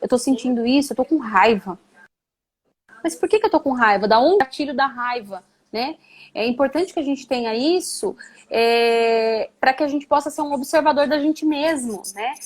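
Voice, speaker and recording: High female voice, conversational live-stream guest, reflective, tags sentences with questions. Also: moderate pace.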